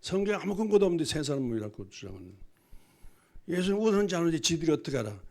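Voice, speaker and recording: A middle-aged man, a pastor, preaching a folksy, emphatic sermon in a church. He sometimes mimics loud wailing cries. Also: on the high side, big pitch swings, racing. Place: church sanctuary.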